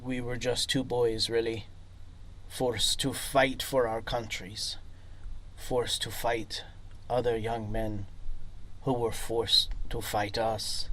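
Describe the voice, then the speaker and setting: A man voicing a solemn, regretful former German soldier in a read-aloud story, speaking slowly and gravely. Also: mid-range voice, flat delivery, sharp tone, poor audio. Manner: slow, grave, measured.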